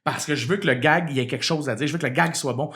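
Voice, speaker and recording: Fast-talking Québécois man telling stories. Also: on the high side. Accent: Québécois French. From Quebec. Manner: animated storytelling with swearing. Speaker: guest comedian. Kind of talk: casual podcast chat.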